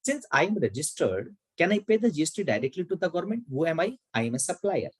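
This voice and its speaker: Man, Indian English accent, tax lecture, animated pitch, repeats himself, husky. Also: fast, no echo, rough recording. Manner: asks and answers own questions, repeats key points. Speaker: tax educator.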